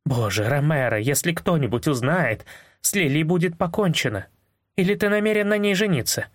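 A man voicing a stern, protective young woman who is an older sister, in a sharp, reproachful tone for an audiobook. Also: fairly high pitch, animated, normal speed, no room sound, studio quality. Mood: angry, reproachful. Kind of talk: audiobook character voice.

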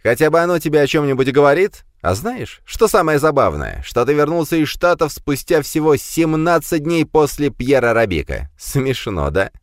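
A man's voice: on the high side, sing-song, moderate pace, hardly any pauses, no room sound, voice pushed up. A male narrator voicing a shrewd, composed police commissioner who makes dry, ironic remarks.

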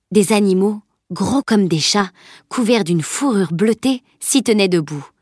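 A woman narrating a fantasy novel as an audiobook, in a measured, expressive reading. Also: mid-range voice, no echo, clean studio sound.

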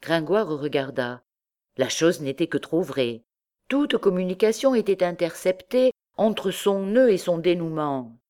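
Slow, low-voiced woman narrating. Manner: measured, steady storytelling. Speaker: audiobook narrator. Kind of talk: scripted narration of a classic novel.

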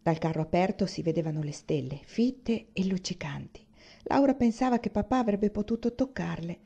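Mellow woman reading a children's novel. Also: on the low side, gravelly, breathy edge, highs cut off. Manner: measured, expressive storytelling. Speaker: audiobook reader.

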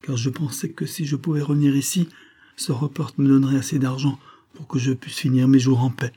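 A man putting on a battered, weary woman's voice for a storybook, raised higher than his own, husky and dark in tone. She begs and mourns in long, sorrowful phrases. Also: fairly even intonation, fairly quick, close to an everyday voice. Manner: imploring, sorrowful. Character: worn poor woman, pleading and bitter.

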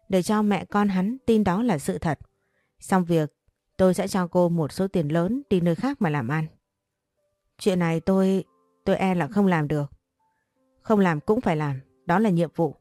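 A woman's voice: on the low side, mellow, dry recording, studio quality, lightly acted. A woman reading as a cold vengeful mistress.

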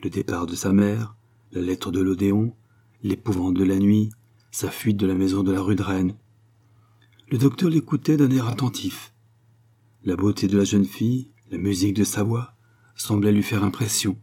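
A man narrating a classic novel as an audiobook. He reads in a measured, even storytelling manner. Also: on the low side, breathy edge.

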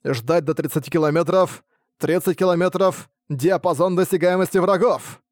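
A man's voice: sits high, normal speed, dry recording, clean studio sound, pitched above the performer's own voice, lightly acted. A man voicing a tense young officer who mutters through clenched teeth in an audiobook. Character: tense young male officer, sweaty-palmed. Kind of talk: audiobook character voice.

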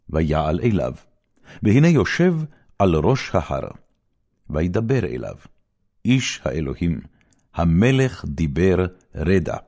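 Reading the Bible for an audiobook, a man with a low, slightly mellow voice speaks solemnly and at a measured pace. Wide intonation swings lend key phrases a declamatory weight.

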